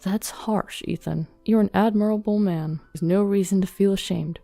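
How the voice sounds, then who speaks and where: A woman voicing a kind older man, an old fisherman friend who speaks gently and encouragingly in a storybook reading. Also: mid-range voice, steady tone, moderate pace, gravelly, no room sound, soft background music, lightly acted. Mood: gentle.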